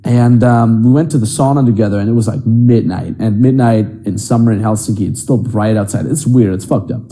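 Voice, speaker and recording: A man's voice: on the low side, a little fast, mellow. A man giving blunt, profane dating advice in a casual, emphatic monologue. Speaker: dating coach.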